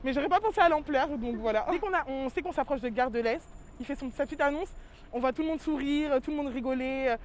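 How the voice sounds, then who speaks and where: A woman's voice: high-pitched, fast, a little hiss or hum. A woman, a regular metro commuter, giving a casual interview in an enthusiastic, colloquial way.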